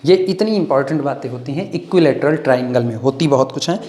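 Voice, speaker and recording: A man teaching math in a lecture, slowly dictating formulas word by word and explaining with homely comparisons. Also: medium pitch, dark tone, echoey room, a little hiss or hum. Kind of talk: classroom lecture, dictating notes.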